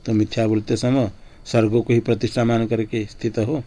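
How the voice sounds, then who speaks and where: A man's voice: on the low side, level tone, brisk, warm tone. A man teaching a scripture class, reciting Sanskrit lines and then explaining them in Hindi. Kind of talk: Sanskrit commentary lesson. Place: ashram class.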